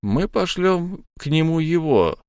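A man's voice: on the high side, very animated, smooth, no room sound, clean studio sound, voice pushed up, full character voice. A man voicing a sly, sinister male assassin. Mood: sinister calm. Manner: slow, smirking, quietly threatening.

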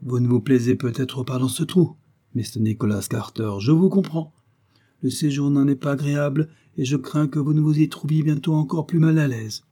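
A man's voice: fairly high pitch, very animated, moderate pace, dark tone, breathy edge, voice pushed up. A man reading a storybook voicing a sneering villainous gang leader who taunts with false politeness. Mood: taunting. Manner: mocking, hypocritically polite.

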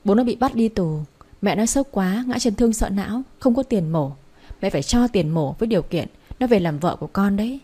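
A berating, shrill older mother-in-law from an audio story, read by a woman. The voice is mellow and dark beneath the scolding, with a slightly husky edge. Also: a little fast, close to an everyday voice. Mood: dismissive.

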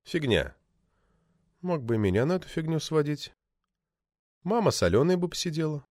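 A man reading an audiobook, voicing a suspicious wife in a dry, contemptuous, creaky tone. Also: a little high, big pitch swings, moderate pace, darkish tone, dry recording. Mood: scornful. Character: suspicious, sarcastic wife, cold and scornful.

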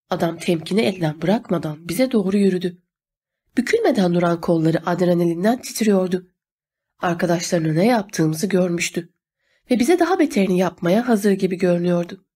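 A woman reading a novel aloud as an audiobook narrator, steady and measured. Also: fairly low pitch, husky. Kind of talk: scripted narration.

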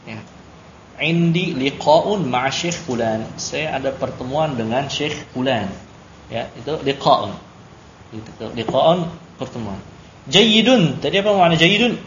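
A man teaching an Arabic class, explaining words and grammar slowly and patiently and quizzing his students. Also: mid-range voice, lively intonation, a little hiss or hum. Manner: slow, patient explaining with drills and questions. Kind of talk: classroom lesson. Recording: lo-fi, echoey room recording.

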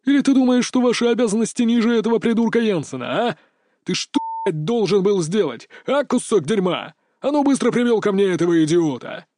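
A man's voice: high-pitched, lively intonation, normal speed, darkish tone, slightly rough, dry recording, studio quality. A man voicing a hot-tempered, crude male mafia boss who roars and swears. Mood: furious. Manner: roaring, swearing outbursts.

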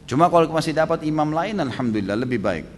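A man preaching and answering questions at a religious study session, fast and emphatic, with many rhetorical questions. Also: on the high side, expressive, big-room sound, slight background noise.

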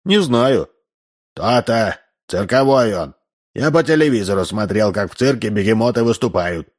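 A man's voice: on the low side, lively intonation. A man doing a fussy lecturing old man. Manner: slow, lecturing, pedantic. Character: fussy know-it-all old man Lozhkin.

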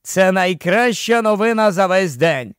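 A man voicing a calm, commanding army captain who speaks to his young officer in a steady, patient, gently scolding way. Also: sits high, unhurried, clear, resonant tone, no room sound, clean studio sound.

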